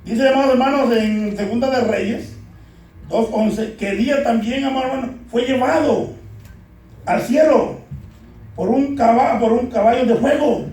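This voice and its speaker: High-voiced preacher in an echoey hall. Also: male voice, moderate pace, mellow. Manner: keeps calling out "amados hermanos" and asking the congregation to answer. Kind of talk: sermon. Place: church. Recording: echoey church hall, distant from mic.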